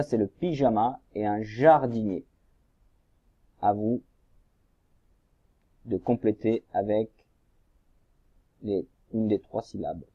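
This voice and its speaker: Male teacher, mid-pitched, slow and patient, spelling out syllables for young readers on a dull lo-fi recording. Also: slightly rough, dry recording. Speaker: primary school teacher. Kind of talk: recorded remote lesson, guiding exercises.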